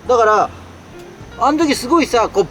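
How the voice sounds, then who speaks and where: A man's voice: extremely high pitch, animated, moderate pace, fairly bright tone, soft background music. A man in a tent in the rain, chatting casually on a live stream and answering viewer comments in an exclamatory way. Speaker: solo camping streamer. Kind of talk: casual live-stream chat while camping. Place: inside a tent while it rains.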